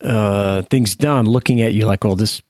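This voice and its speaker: A man's voice: lowish voice, moderate pace, a little mellow, no room sound, clean studio sound. A man co-hosting a casual business podcast, easygoing and plain-spoken, with a laugh at his own jokes. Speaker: podcast co-host.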